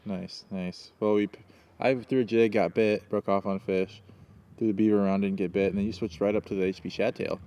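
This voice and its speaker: A man's voice: fairly low pitch, steady tone, a little fast, dark tone. A young man chatting casually in frat-bro slang while out fishing, recorded outdoors on a boat. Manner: frat-bro slang, saying dude and sick. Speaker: fishing vlog host. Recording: noisy outdoor boat ambience.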